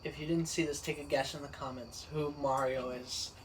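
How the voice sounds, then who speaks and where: A man's voice: medium pitch, steady tone, normal speed, a little hiss or hum, rough recording. A man co-hosting a podcast in casual chat, laid-back and dry, often agreeing. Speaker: podcast co-host.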